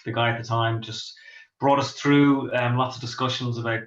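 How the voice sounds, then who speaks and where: A man's voice: mid-range voice, little pitch movement, moderate pace, fairly bright tone. A middle-aged Irish man from Dublin, a pastor and author, answering interview questions with many ums and restarts. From Ireland. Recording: echoey, dull lo-fi sound.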